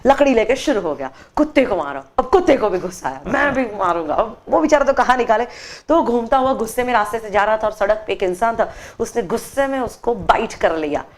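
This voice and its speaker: A woman's voice: on the high side, brisk, hardly any pauses. A woman trainer speaking in a studio TV interview, explaining her workshops and telling a story expressively, voicing the characters in it. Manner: expressive, acts out quoted voices while telling a story. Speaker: meditation workshop trainer, guest.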